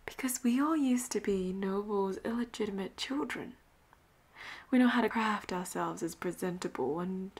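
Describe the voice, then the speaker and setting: Here a woman voices a commanding pirate captain for an intimate audio roleplay, flirting, teasing and frequently lowering to a breathy whisper. She speaks at a medium pitch, her tone a little mellow.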